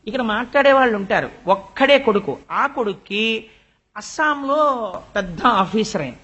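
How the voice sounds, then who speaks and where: Older male religious speaker, high voice, animated storyteller, dull lo-fi recording. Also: normal speed, husky. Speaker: spiritual discourse speaker. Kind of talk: Telugu religious discourse.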